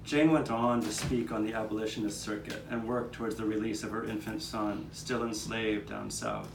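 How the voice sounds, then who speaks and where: Playing a neighborhood eyewitness, a man narrates a live puppet show with first-person historical storytelling in an outdoor courtyard. His lowish voice holds a steady tone at a moderate pace, with some vocal fry. The live recording sounds roomy, distant and noisy.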